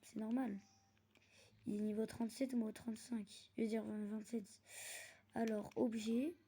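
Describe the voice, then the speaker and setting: A woman giving casual gameplay commentary, chatty and prone to excited yelps while she plays, recorded on a phone. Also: a little high, a little slow, slight background noise. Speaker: gamer.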